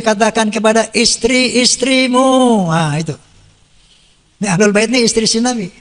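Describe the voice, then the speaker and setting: A man's voice: extremely high pitch, a bit bright, long reverb tail. A man preaching a sermon, quoting verses and translating them, and asking his listeners rhetorical questions. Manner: quotes and translates scripture, asks audience rhetorical questions.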